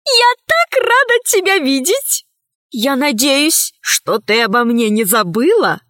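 A woman's voice: fairly high pitch, lively intonation, a little slow, fairly bright tone, no room sound, studio quality. A woman voicing a plump, childish old woman, a former heiress who talks in a gushing, whiny way. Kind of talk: storybook reading.

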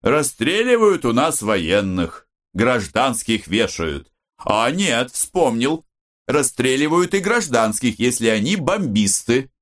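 A man's voice: deep voice, big pitch swings, measured pace, creaky, exaggerated voice. A man reading a wry, joking young man. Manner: wry, bantering. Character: young man, joking, ironic, nervous bravado.

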